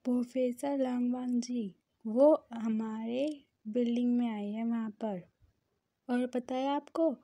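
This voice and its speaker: A woman's voice: fairly high pitch, steady tone, slow, mellow, dry recording. A woman voicing a cheerful, whiny young male student in a storybook reading. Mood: eager.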